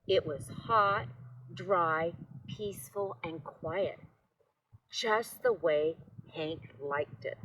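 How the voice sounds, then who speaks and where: An older woman reads to children in a fairly low voice. She takes her time, gently stopping for asides and questions. There is faint noise in the recording. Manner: gentle, unhurried, addressing children. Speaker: children's storytime reader. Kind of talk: read-aloud storytelling with asides to children.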